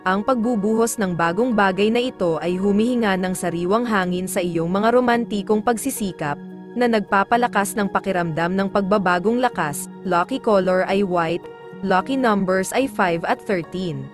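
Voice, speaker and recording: A woman reads the daily horoscopes in a measured, formal style, her voice medium in pitch. Faint music plays in the background.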